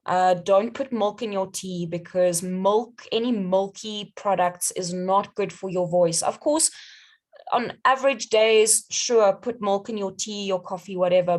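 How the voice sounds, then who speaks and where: In a mid-range voice with a darkish tone, a woman from South Africa who works in voiceover offers hands-on voice-care advice. The panel setting is talkative, and her practical manner comes with small bursts of laughter.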